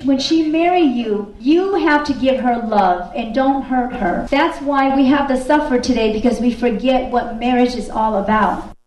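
A woman's voice: on the high side, moderate pace, darkish tone, distant mic. A woman interpreter giving a translation voice-over of a speech, recorded in a roomy space away from the microphone.

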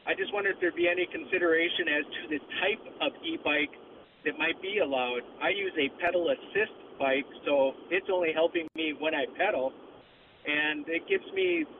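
Man, radio call-in caller, phone-line sound, traffic noise behind, polite and methodical. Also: on the high side. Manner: polite, explaining his question step by step.

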